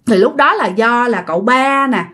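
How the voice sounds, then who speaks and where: A woman recounting a ghost story in a chatty, casual manner. Her voice is high and very lively, rising and falling freely. She keeps turning to address her listeners directly. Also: normal speed.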